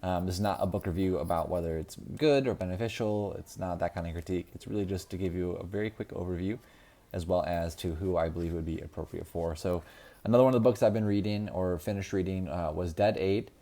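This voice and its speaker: Brief: deep-voiced male reviewer, relaxed and unscripted, plenty of filler words. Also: quick pace. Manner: unscripted, many ums and restarts. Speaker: book reviewer. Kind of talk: casual solo video review.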